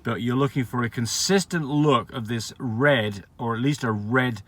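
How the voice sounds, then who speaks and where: A man's voice: mid-range voice, normal speed. A man who breeds dogs, answering viewer questions in a casual, frank way, explaining at length with restarts and fillers. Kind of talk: casual advice Q&A.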